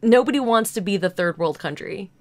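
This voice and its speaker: A woman's voice: medium pitch, lively intonation, fairly quick, darkish tone. A woman chatting casually as a podcast co-host. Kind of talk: casual conversational chat.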